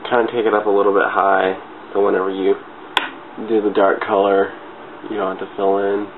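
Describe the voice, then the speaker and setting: A man vlogging a casual makeup tutorial has a cold, so his low voice comes out stuffy and congested. He chats in an informal, giggly, loosely rambling manner, recorded on muffled, phone-like webcam-style audio with clear noise.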